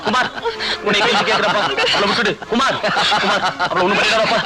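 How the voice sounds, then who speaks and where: A man's voice: high voice, fairly even intonation, quick pace, loud music behind the voice, over a noisy crowd, lightly acted, rough recording. An actor playing a corrupt older doctor and father, speaking with a Tamil accent, smug at first and then pleading desperately. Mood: begging. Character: crooked middle-aged male doctor, pleading father. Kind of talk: Tamil film dialogue. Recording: film soundtrack with loud score.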